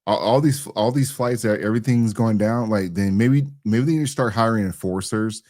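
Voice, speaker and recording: A man's voice: fairly low pitch, normal speed, a little mellow, no echo, clean studio sound. A man giving casual, opinionated commentary as a co-host, slangy and rambling, often repeating his phrases. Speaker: talk show co-host.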